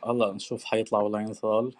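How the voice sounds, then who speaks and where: Extremely fast-talking Levantine man. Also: lowish voice, little pitch movement. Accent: Levantine Arabic. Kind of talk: casual chat about crypto markets.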